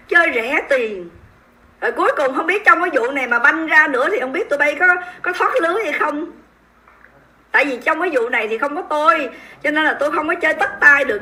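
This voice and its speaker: High, bright-voiced Southern Vietnamese woman ranting. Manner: emphatic, indignant, mocking, speaks straight to viewers. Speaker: livestream host. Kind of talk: livestream commentary.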